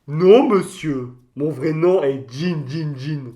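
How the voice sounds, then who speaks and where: Man playing a crude, high-pitched mascot creature. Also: takes it slowly, muffled recording. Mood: boastful, enthusiastic. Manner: slangy, crude, hesitant rambling storytelling with outbursts. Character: crude, touchy male mascot creature, boastful storyteller. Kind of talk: comic mock interview, in character.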